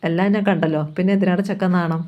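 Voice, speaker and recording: Bossy teasing aunt, read by a man; high, fairly flat voice. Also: quick pace, highs cut off, close to an everyday voice. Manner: teasing, coaxing. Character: playful bossy aunt, adult woman.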